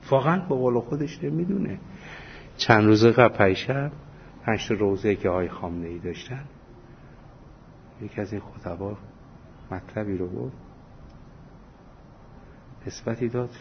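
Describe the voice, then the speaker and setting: A man's voice: on the low side, vocal fry. A man giving a religious lesson, telling anecdotes full of quoted dialogue and small chuckles. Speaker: religious teacher. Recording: dull lo-fi recording with faint hiss.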